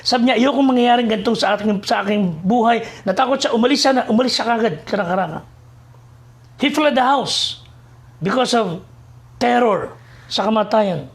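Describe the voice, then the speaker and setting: High-voiced preacher telling a story. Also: male voice. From Philippines. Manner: switches between Tagalog and English, addresses listeners as friends. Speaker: missionary preacher. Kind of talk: sermon storytelling.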